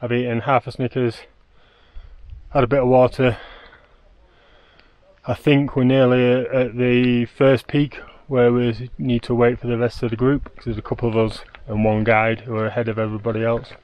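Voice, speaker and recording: A man's voice: mid-range voice, level tone, normal speed, dry recording, lo-fi sound. Cheerful man vlogging outdoors on a hike. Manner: breathless, cheerful, upbeat commentary while hiking. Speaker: travel vlogger. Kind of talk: casual vlog narration to camera. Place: outdoors on a mountain trail. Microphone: action camera held at arm's length.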